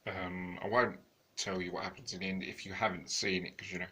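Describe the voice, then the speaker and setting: A man's voice: deep voice, level tone, a little fast, sharp tone, husky. A man giving a rambling, casual film review, full of fillers and restarts, tired and yawning. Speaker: home video reviewer.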